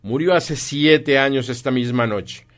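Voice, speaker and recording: A man voicing a grumpy, miserly old moneylender in an audiobook, gruff, curt and scornful. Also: medium pitch, unhurried, voice pushed up, lightly acted. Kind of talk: audiobook reading.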